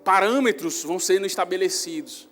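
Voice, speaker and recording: A young man, a pastor with a Northeastern Brazilian accent, preaching a sermon in a church hall with animated storytelling that rises loud on emphasis. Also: high voice, fairly quick. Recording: reverberant church hall with faint music.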